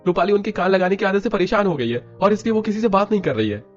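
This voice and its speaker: A man voicing a patient young husband in an animated story, soothing and steady. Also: high-pitched, quick pace, pitched above the performer's own voice. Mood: reassuring. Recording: dull lo-fi with music.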